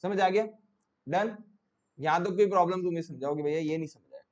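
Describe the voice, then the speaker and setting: A man's voice: sits high, a little fast, highs cut off. A male teacher giving a classroom lecture, repeating each question to his students and coaxing answers out of them. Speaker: commerce teacher.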